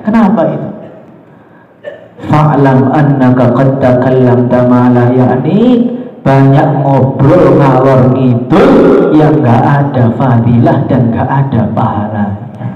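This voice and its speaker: A man's voice: a little high, a little mellow. Young male preacher, chanting in a big echoey hall. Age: young adult. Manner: storytelling, swings between sung chant and quick speech. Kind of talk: sermon. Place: large hall.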